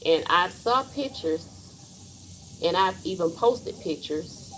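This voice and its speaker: A woman's voice: lowish voice, expressive, slow, a bit bright, a little hiss or hum, poor audio. A woman in her forties, hosting a casual livestream and speaking her mind bluntly and emphatically. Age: 40s. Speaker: livestream host.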